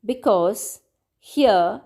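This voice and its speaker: A woman teacher giving a patient grammar lesson to children, repeating words slowly and clearly. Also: medium pitch, dark tone. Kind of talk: slow classroom grammar lesson.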